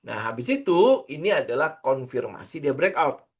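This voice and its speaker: A man's voice: a little high, very animated, normal speed, husky. A middle-aged man, teaching trading in a casual screen-share lesson, chatty and full of fillers and rhetorical questions. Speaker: trading instructor.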